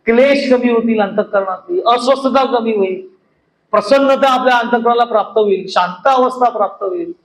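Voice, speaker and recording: A man with a strikingly high voice delivers a devotional discourse. He explains patiently and weaves in parables. A faint hiss sits under the recording. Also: low-quality recording. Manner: explains slowly, tells stories, chants verses drawn out. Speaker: spiritual teacher.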